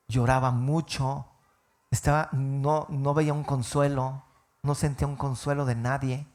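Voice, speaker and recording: A man's voice: medium pitch, a little mellow. A man, a pastor preaching a sermon and telling a personal story with emotional rises and falls. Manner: emotional storytelling, voice rising and falling.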